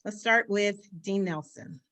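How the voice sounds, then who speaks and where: A woman moderating a panel discussion, posing questions in a measured way over a video call. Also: mid-range voice, a bit bright.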